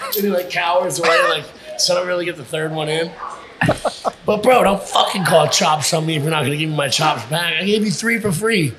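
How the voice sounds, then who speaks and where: A man's voice: on the high side, a little fast, very noisy. A man who is a guest on a podcast, telling profane stories casually and acting out the lines of the people in them. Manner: profane, animated storyteller who acts out quotes. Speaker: podcast guest, fighter and wrestler. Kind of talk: casual storytelling chat.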